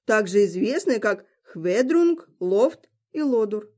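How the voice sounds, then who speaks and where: A woman's voice: medium pitch, very animated, slow pace, a little mellow. A woman reading the part of a teasing trickster god with a theatrical, mocking delivery. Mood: smug. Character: sly mocking trickster god, male, grown man.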